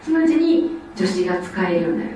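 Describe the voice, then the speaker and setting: A quick-speaking woman lectures in a lively way about how children learn to speak. Her mellow voice is picked up by a distant mic. It rings through a very echoey hall over faint ambient noise. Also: fairly low pitch. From Osaka. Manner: lively, acts out children's speech.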